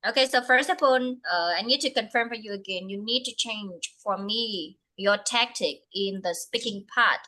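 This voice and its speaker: A woman's voice: mid-range voice, measured pace, hardly any pauses, bright, forceful tone, low-quality recording. A woman teaching speaking over a video call, switching between English and Vietnamese as she corrects a student firmly. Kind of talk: one-to-one speaking test feedback.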